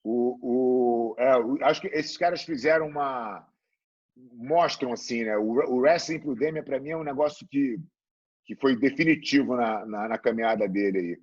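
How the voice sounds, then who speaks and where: A Brazilian man hosting a casual interview, chatty and relaxed, with lots of fillers. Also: medium pitch, moderate pace, breathy edge, no room sound, highs cut off. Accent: Brazilian Portuguese.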